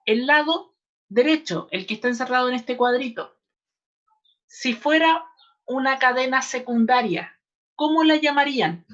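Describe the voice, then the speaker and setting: A woman with a Chilean accent teaches an online chemistry class. She talks patiently and spells terms out slowly for her students. The audio is a little dull and lo-fi. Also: sits high, a bit bright. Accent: Chilean Spanish. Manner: patient, repeats names slowly, addresses students.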